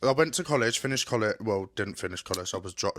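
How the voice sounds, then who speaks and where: A young man, hosting a drag podcast in camp, animated casual chat. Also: lowish voice, no room sound, clean studio sound. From Southend, Essex. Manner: camp, animated, quick bursts of speech.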